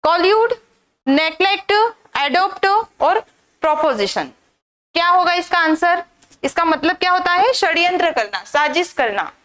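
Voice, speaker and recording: High-voiced woman teaching a live class. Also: lively intonation, measured pace, fairly bright tone. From India. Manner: scolding, drilling students with rhetorical questions. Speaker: English vocabulary teacher.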